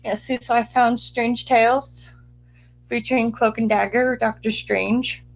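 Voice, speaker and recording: Excitable woman co-hosting a chat show. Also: on the high side, measured pace, creaky, rough recording. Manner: excitable, chatty, restarts often. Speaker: podcast co-host. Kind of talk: casual chat.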